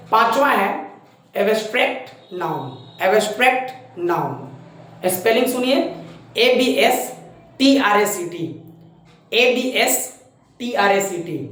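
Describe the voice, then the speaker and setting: A male teacher gives a classroom grammar lesson at a board, repeating terms, spelling them out letter by letter and quizzing his students. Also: high-pitched. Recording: very echoey room, faint background noise.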